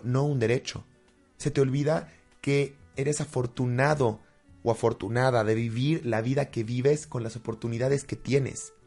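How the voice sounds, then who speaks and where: A young man hosting a motivational self-help show, speaking with passion and building to loud outbursts. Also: medium pitch, creaky. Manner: impassioned, rising to near-shouting when acting out frustration. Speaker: host of a self-improvement show. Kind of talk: motivational monologue.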